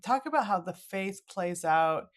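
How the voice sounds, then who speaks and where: Fairly low in pitch, animated yet a little slow, this middle-aged woman's voice belongs to a podcast host. She interviews an author casually, keeping it chatty and dropping in small quoted asides.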